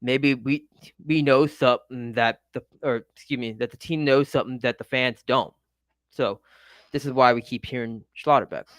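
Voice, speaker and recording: A man's voice: mid-range voice, moderate pace, no echo. A man co-hosting a casual football chat, chatty with a dry, sarcastic edge. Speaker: podcast co-host.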